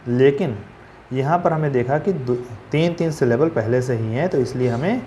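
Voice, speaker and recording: A man's voice: medium pitch, normal speed, mellow, a little hiss or hum. A man teaching a grammar lesson. He asks questions and answers them himself, and he spells words out letter by letter.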